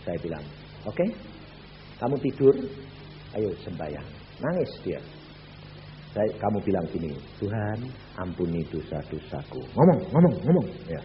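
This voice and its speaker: A man, preaching a sermon and swinging from loud peaks to hushed drops. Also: deep voice, big pitch swings, measured pace, pauses often. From Central Java, Indonesia. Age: 80s. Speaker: evangelist preacher. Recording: echoey hall, dull lo-fi with hum.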